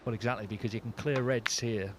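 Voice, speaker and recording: A man giving live snooker commentary in a measured, conversational way. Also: mid-range voice, steady tone, noisy background.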